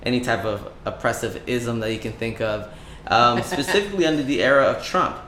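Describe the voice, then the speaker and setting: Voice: mid-range voice, brisk, a bit bright. A show host interviewing a guest in an informal, slangy way, often repeating short phrases. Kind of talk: casual interview chat. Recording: roomy echo with faint background noise.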